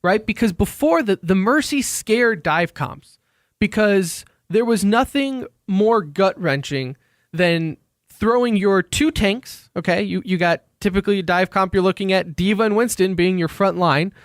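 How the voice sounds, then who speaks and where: A man's voice: high-pitched, measured pace, dry recording, studio quality. A man hosting a radio show about esports, chatty and joking as he moves between segments. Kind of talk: casual esports radio talk.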